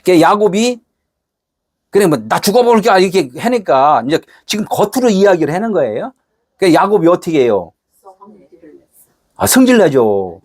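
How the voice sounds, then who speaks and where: A man's voice: sits high, sing-song, moderate pace, long pauses, darkish tone, dry recording, studio quality. A middle-aged man preaching a sermon in a casual, conversational way, acting out short quoted exchanges. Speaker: pastor.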